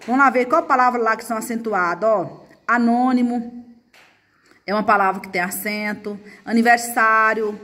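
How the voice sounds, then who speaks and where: A woman's voice: medium pitch, fairly even intonation, fast talker, pushed and bright. A woman from Brazil, a mother and a teacher, giving a chatty, coaxing remote lesson to schoolchildren. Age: adult, mother. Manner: chatty, coaxing, often adds "gente".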